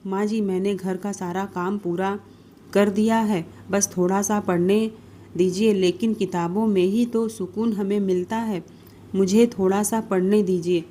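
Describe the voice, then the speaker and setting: A woman voicing a meek, mistreated young daughter-in-law who pleads softly in a cartoon story. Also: medium pitch, steady tone, unhurried, slight background noise, lightly acted. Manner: pleading, tearful.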